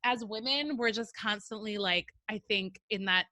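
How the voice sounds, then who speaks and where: A woman's voice: medium pitch, normal speed, bright, forceful tone, no echo. A woman co-hosting a casual podcast, telling a story in a chatty way and acting out the dialogue. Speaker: podcast co-host. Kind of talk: casual chat.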